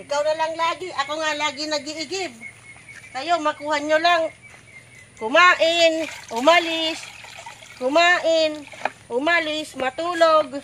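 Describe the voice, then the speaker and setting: Woman acting a kvetching, high-voiced, exasperated village mother. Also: steady tone, takes it slowly, sharp tone, slight background noise, exaggerated voice. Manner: kvetching, nagging in long repetitive complaints. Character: exasperated, overworked poor village mother, scolding and complaining. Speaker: actor in an amateur short film. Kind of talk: naturalistic family drama acting.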